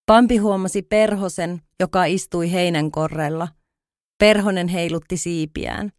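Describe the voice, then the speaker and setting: A woman's voice: on the low side, no echo, clean studio sound. Woman reading an easy-read children's story. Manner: slow, clear, even. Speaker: audiobook reader.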